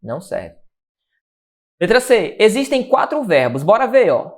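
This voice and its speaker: A man teaching an exam-prep grammar lesson, energetic, asking and answering his own questions. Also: high voice, a little slow. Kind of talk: lively exam-prep lecture.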